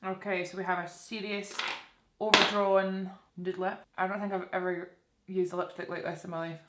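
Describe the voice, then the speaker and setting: A young Scottish woman presents a makeup tutorial as a beauty vlogger, chatting informally and often asking her viewers questions. Her voice is fairly low and flat, at a normal speed, and the very noisy recording has a roomy, echoey indoor sound.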